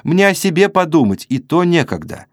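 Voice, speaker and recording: A male narrator voicing a lazy, indifferent young woman who answers flatly and sleepily in an audiobook. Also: on the low side, normal speed, no echo, studio quality, pitched above the performer's own voice. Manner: flat, dismissive, yawning.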